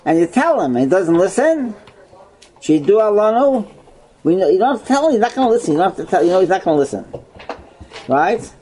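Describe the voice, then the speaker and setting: A man's voice: sits high, very animated, a little fast, pauses often, dark tone, a little hiss or hum, rough recording. A man teaching a Torah study lesson, asking and answering his own questions and repeating himself. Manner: repeats phrases, checking with "right?". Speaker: religious teacher.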